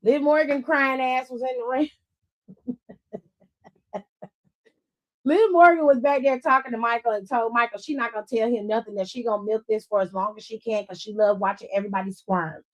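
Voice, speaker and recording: Woman host with a high voice, blunt and sassy, swearing and laughing through a casual recap. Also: fairly even intonation, normal speed, pauses often. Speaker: host of a wrestling after-show. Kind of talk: casual livestream recap chat.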